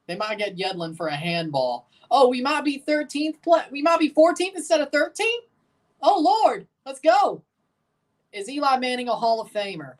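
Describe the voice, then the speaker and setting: A low-voiced young streamer watches a soccer game live, answering questions from chat and delivering strong, blunt opinions. He's easily worked up, his voice jumping high when riled, and the mic sits far from him.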